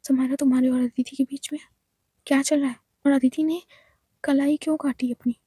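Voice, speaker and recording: A firm, probing female doctor from a storybook who presses for straight answers with calm authority, put on by a woman reading. The voice is high but dark and mellow in tone. It is recorded close and dry. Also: fairly quick, dry recording, natural voice.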